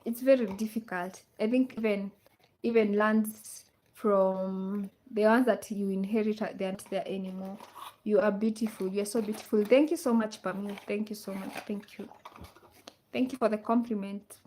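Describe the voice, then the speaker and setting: A woman's voice: mid-range voice, fairly even intonation, moderate pace, darkish tone, slight background noise. Woman from kenya on a live stream, chatty, keeps repeating questions to her viewers. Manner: reads viewer comments aloud, repeats questions to the audience. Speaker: livestream host. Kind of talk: casual live chat with viewers.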